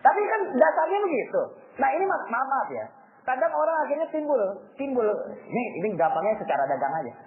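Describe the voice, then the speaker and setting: A man's voice: extremely high pitch, very animated, quick pace. A man gives a casual sermon to young people, using slang and asking his listeners rhetorical questions. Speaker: religious teacher. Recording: tinny phone-like line, faint noise.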